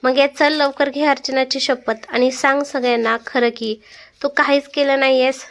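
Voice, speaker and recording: A woman voicing a protective, sharp-tongued middle-aged mother in a read-aloud family story. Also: high voice, flat delivery, moderate pace. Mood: insistent.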